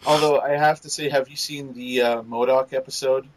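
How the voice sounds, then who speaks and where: A man's voice: mid-range voice, fairly even intonation, moderate pace, rough recording. Man, casual podcast chat, mid-range voice, rambling, restarts a lot. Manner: rambling, restarts often, laughs while describing. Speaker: podcast co-host. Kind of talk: casual chat reviewing a cartoon series.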